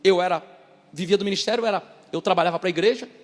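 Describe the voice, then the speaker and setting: A man's voice: high-pitched, rapid-fire. A man, a pastor giving a dramatic testimony, acting out the voices of the people in his story. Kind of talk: testimony sermon. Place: church hall. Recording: church hall with long reverb and music behind.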